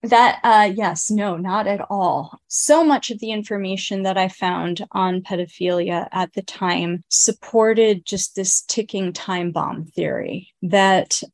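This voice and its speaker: An American woman in her late thirties, her voice distorted to disguise it, speaking candidly and haltingly as an interviewee. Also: mid-range voice. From United States. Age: late 30s. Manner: halting, with restarts and fillers. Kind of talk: candid personal testimony.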